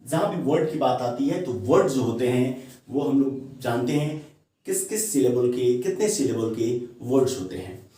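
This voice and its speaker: With a warm, medium-pitched voice and lively intonation, a man teaches English grammar in Hindi at a moderate pace, using terminology as in a classroom. He repeatedly asks the viewer questions, answers them himself, and repeats key words. The recording is very echoey, with the mic far away.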